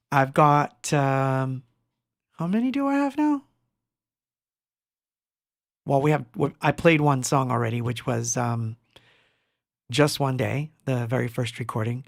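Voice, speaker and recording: Man, middle-aged, from Argentina, livestream host, rambling casual chat, gravelly, dry close sound. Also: mid-range voice, no room sound. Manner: rambling, reads chat names aloud, laughs often. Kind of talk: casual live-stream chat. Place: home studio.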